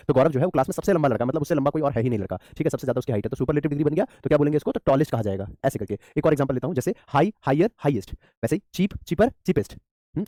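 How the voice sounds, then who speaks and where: Male English teacher, rapid-fire delivery, mellow tone, quizzes students and answers himself. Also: a little high, no echo, studio quality. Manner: addresses students as beta, asks and answers his own questions. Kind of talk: online grammar class.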